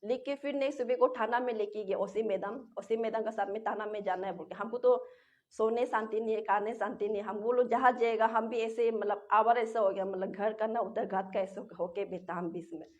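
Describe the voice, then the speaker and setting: A woman's voice: on the high side, steady tone, fairly quick. A young woman from Arunachal Pradesh, a local language her first tongue, giving a rambling, distressed first-person account. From Arunachal Pradesh, Northeast India. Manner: rambling, repetitive, distressed retelling. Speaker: interviewee. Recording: dull lo-fi recording.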